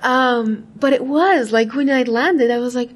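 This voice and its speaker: A woman's voice: high voice, a little slow. A woman, talking reflectively in an interview and leaning on "like" and "right?". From Iraq. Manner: reflective, frequent "like" and "right?" asides. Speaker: interviewee, graduate student. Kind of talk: casual interview talk.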